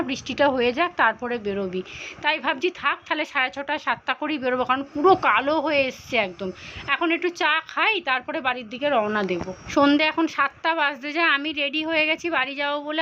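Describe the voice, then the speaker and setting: A high, bright-voiced woman talks her viewers through her day, hoarse and worn out from a cold. The phone audio is dull and lo-fi, with a faint hiss behind her. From India. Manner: tired, unwell, chatty daily account. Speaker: vlogger. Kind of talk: casual vlog chat.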